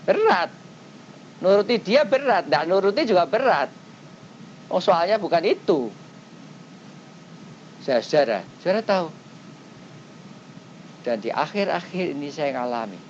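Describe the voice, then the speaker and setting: Woman preacher, colloquial sermon, lively swooping pitch, dull lo-fi cassette sound, faint low rumble. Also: unhurried, long pauses. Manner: animated, with big swings between loud high exclamations and low quiet asides; speaks in plain everyday phrasing, often addressing listeners directly.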